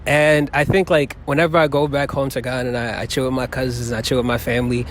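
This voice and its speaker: A young man from the Bronx, New York, talks fast in a mid-range voice, chatting animatedly in an outdoor street interview. He tells his stories with energy and laughs often. He's in a city park plaza, speaking into a handheld phone held up to him, with faint city noise outside.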